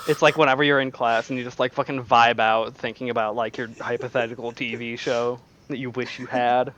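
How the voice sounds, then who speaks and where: A man's voice: mid-range voice, level tone, fairly quick, fairly bright tone, slight background noise, rough recording. A man co-hosting a podcast, dry and teasing, swearing in casual group chat. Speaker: podcast co-host.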